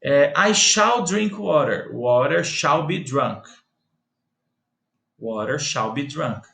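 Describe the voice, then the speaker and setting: A man's voice: fairly high pitch, expressive, extremely slow, gravelly, sharp tone. A Brazilian man with a Brazilian Portuguese accent teaching English grammar patiently, repeating himself and checking in with the listener often. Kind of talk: slow grammar lesson explaining English to Portuguese speakers.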